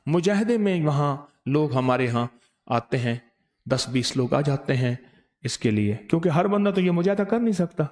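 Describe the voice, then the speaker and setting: Animated preacher telling a story. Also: male voice, fairly high pitch. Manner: storytelling, animated, breaks into slow recitation. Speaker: spiritual teacher. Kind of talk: devotional sermon with chanted prayer. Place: gathering after dawn prayer.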